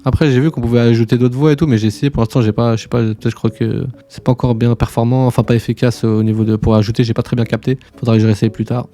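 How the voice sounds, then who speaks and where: A man's voice: medium pitch, fairly even intonation, racing, hardly any pauses, dark tone. A man hosting a casual screen-share tutorial, informal and slangy, chatting to viewers like buddies. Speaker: tutorial host.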